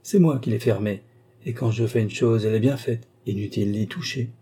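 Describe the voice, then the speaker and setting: A man voicing a blustering, hearty old gentleman card player in an audiobook, boisterous and full of exclamations. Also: fairly low pitch, brisk, breathy edge.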